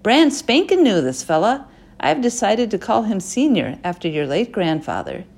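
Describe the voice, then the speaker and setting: A woman voicing a spry, bossy grandmother who is proud and folksy, talking in a brisk, chatty drawl. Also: medium pitch, very animated, vocal fry, a little mellow, voice pushed up.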